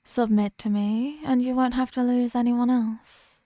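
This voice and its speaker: A woman playing a sadistic, seductive vampire in an ASMR roleplay, teasing and condescending with soft threats. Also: on the high side, steady tone, measured pace, dry recording, clean studio sound, lightly acted. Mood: coaxing, dominant. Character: sadistic, seductive female vampire, dominant and menacing. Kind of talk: ASMR roleplay, scripted dramatic monologue.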